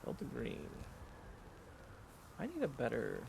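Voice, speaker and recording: A man's voice: mid-range voice, wildly swooping pitch, slow pace, creaky, noisy background. A man playing in a casual tabletop session, bantering and joking with the group. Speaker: player. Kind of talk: casual tabletop game chat.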